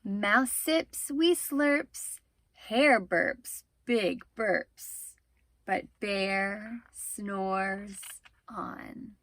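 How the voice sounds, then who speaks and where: Reading a picture book to young children, this woman is expressive and adds explanatory asides for her listeners in an animated read-aloud. She speaks at a medium pitch with a slightly bright tone, drawing out her words, with no echo.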